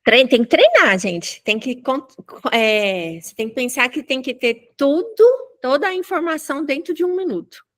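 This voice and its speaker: A woman with a slightly high voice hosts a business networking session on a video call. She is brisk and directive, coaching the participants and urging them on. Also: animated. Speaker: business mentor and meeting host. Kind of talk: hosting an online networking meeting.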